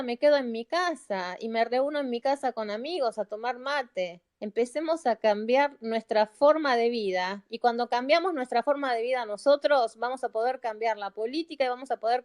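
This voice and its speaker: Speaking through a phone or computer mic in a live audio chat, a middle-aged Argentine psychologist appeals to listeners with heartfelt pleas and repeated phrases for emphasis. Her voice is fairly high and slightly mellow.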